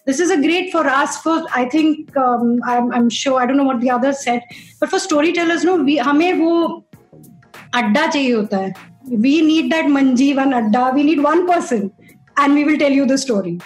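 A woman's voice: high voice, fast, reverberant, soft background music, rough recording. A woman with an Indian accent talking conversationally as a panel guest, emphatic and switching between English and Hindi.

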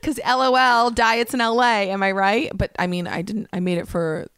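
A woman comedian chatting casually as a podcast co-host, an animated storyteller who acts out the people she quotes. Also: mid-range voice, moderate pace, clean tone, no room sound, clean studio sound. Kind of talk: casual chat. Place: Los Angeles.

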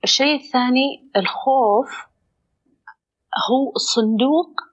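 This time the Saudi psychologist guest sounds high and unhurried, with a breathy edge, in dull audio. She still explains things conversationally and expressively, voicing inner dialogues as she goes.

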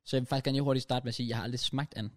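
A man's voice: medium pitch, steady tone. A young man with a Funen Danish accent, co-hosting a podcast in casual, playful chat full of slang. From Funen, Denmark. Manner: playful, slangy, laughs often. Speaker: podcast co-host.

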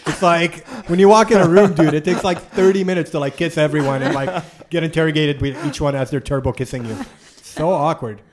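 A man's voice: on the high side, fairly even intonation, a little fast, crowd noise. Joking man chatting casually. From grew up between the Gulf, Jordan and Canada. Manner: joking, laughs often. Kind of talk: casual chat.

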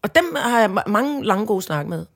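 A woman in her fifties from Denmark, co-hosting a casual comedic chat, telling stories with animated rants. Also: medium pitch. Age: 50s. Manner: animated storytelling with loud mock-angry outbursts and put-on voices. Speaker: podcast co-host.

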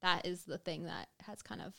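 A woman's voice: lowish voice, normal speed, creaky, pushed and bright. A woman co-hosting a podcast in a chatty, teasing way. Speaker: podcast co-host. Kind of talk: casual chat.

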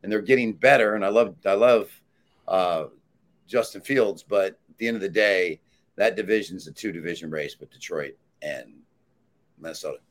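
A man working as a sports handicapper, with a very deep, low voice. He gives his betting picks with confident, emphatic calls. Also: normal speed.

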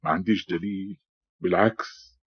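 An actor with an Egyptian accent playing a hot-tempered, vengeful husband in a 1960s radio drama, heated and quick to shout. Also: male voice, low-pitched, steady tone, husky, no echo. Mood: scheming. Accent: Egyptian Arabic. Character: Abbas, cheated middle-aged husband, hot-tempered, vengeful. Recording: lo-fi old radio recording.

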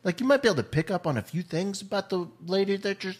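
A man's voice: sits high, quick pace. A man co-hosting a podcast, joking and laughing as he reviews TV episodes. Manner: animated, jokey, laughs a lot. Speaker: podcast co-host. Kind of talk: casual chat reviewing TV episodes.

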